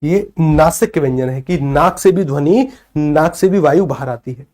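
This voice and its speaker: High-voiced male teacher drilling answers. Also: normal speed, darkish tone. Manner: drills students with repeated questions and answers. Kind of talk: classroom lecture.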